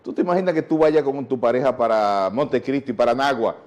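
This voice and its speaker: A man's voice: medium pitch, fairly quick, darkish tone. A Dominican man, a speaking teacher, explaining in a TV interview with a didactic manner and many rhetorical questions.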